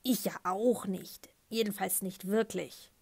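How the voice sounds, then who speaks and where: A woman's voice: mid-range voice, steady tone, slow pace, vocal fry, a little mellow, husky, heavily acted. A woman voicing a smug male thriller author who justifies himself, in an audiobook.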